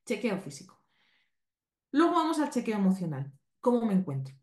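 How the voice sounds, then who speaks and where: An animal communication teacher from Spain, this woman speaks with a Spanish accent, a medium pitch and a darkish tone, sounding very animated and a little fast. She explains her podcast lesson and checks in with listeners frequently. The audio has a roomy echo.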